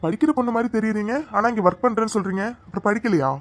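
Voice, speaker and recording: A performer voicing a gruff but caring young man in a cartoon. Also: mid-range voice, very fast, natural voice. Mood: earnest. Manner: gruff, earnest. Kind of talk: cartoon dialogue.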